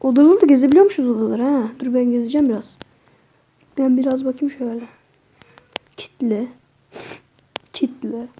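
Excitable high-voiced woman streamer. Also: fast, muffled recording, a little hiss or hum. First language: Turkish. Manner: excitable, talks to viewers, swears at the game. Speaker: gaming streamer. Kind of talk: casual horror game commentary.

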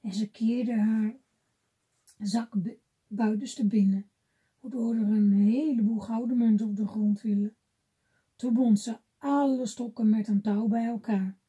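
A woman reading a children's fairy tale aloud gently, often dropping to a whisper. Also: fairly high pitch, fairly even intonation, measured pace, breathy edge. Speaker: storybook reader.

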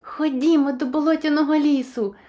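Жінка озвучує сміливого, нетерплячого маленького динозаврика-хлопчика з книжки-казки, говорить захоплено й вигуками. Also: female voice, high voice, normal speed, dull audio, voice pushed up. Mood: excited. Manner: excited, exclaiming. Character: eager brave little boy dinosaur.

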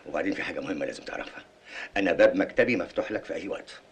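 A man's voice: sits low, animated, rapid-fire, breathy edge. An actor playing a self-assured male factory owner with an Egyptian accent, speaking in a patronising way. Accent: Egyptian Arabic. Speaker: company boss.

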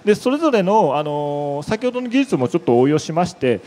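A man's voice: on the high side, big pitch swings, fairly quick, dark tone. A man presenting a web demo on an exhibition stage into a handheld mic, explaining step by step with many filler words. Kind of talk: conference presentation.

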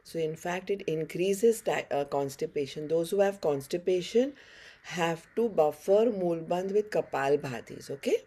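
A woman's voice: lowish voice, measured pace, dark tone. A middle-aged woman with a North Indian accent teaching a yoga class in short, encouraging instructions. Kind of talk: guided online class instruction. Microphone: facing camera, head-and-shoulders webcam framing.

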